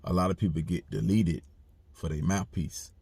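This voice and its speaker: A man's voice: low-pitched, fairly even intonation, moderate pace, mellow, slightly rough, no room sound. A man giving a blunt, repetitive, streetwise commentary monologue. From United States. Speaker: commentary channel host.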